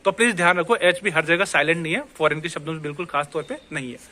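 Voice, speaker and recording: Bright, high-voiced Indian teacher. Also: male voice, very fast. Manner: chatty, repeats words and checks in with the viewer. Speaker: Spanish teacher. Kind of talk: casual language lesson.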